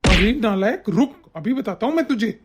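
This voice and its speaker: A woman voicing a harsh, bullying young husband in an animated story, scolding and threatening. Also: mid-range voice, a little fast, background noise, natural voice. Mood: angry.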